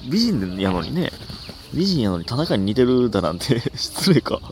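A young man with a Kansai accent and a medium-pitched voice hosts a casual solo comedy podcast at a moderate pace. He rambles and mocks himself, breaking into sudden animated outbursts.

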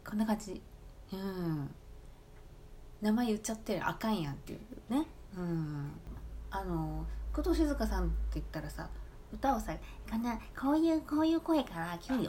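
A woman streaming on a talk app chats casually on her own, laughing often and filling her monologue with fillers and asides. Her voice is mid-range with a dark tone, and there is slight background noise.

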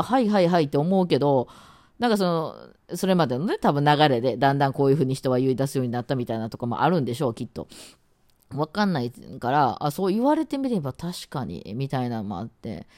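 A chatty woman with an Osaka accent talks through her solo podcast, rambling with lots of fillers. Her pitch swings widely from low to high. The recording is close and dry, with no room sound. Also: very animated, fast talker, darkish tone, dry recording. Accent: Osaka dialect. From Osaka, Japan. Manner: chatty, rambling, many fillers, tries out words aloud. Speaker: radio talk host and musician. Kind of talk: casual solo podcast chat.

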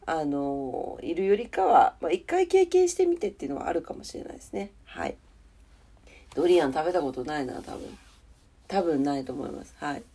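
On the low side, gravelly, dark, and husky, this woman's voice also sounds stuffed-up and nasal. She's the solo host of a casual morning radio-style show, chatting politely through the weather and daily notes.

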